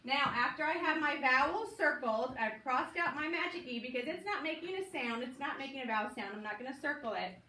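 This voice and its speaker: A woman's voice: high voice, animated, brisk, few pauses, bright, forceful tone. A woman teacher leading a classroom phonics lesson, upbeat and coaxing as she calls on students by name. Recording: roomy, distant mic, audible noise.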